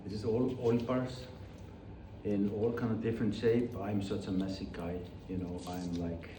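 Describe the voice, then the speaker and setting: A man's voice: fairly low pitch, steady tone, normal speed. A man in his forties from Iceland, a painter chatting casually in his studio and often correcting himself as he talks. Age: 40s. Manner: rambling, self-correcting, chatty. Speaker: painter demonstrating his materials. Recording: very echoey studio, distant mic, clear background noise.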